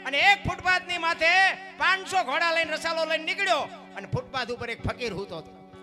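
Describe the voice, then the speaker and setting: On a stage program, a man performs dayro folk storytelling in a high-pitched voice, a little fast and with lively intonation. He swings between loud cries and hushed asides, with music playing clearly behind him.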